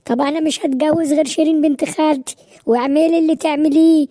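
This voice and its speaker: A stubborn young cartoon man insists on getting his way, in an Egyptian Arabic accent, as a woman voices him. His voice is very high. He pleads and argues. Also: steady tone, fast talker, dark tone, natural voice. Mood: insistent.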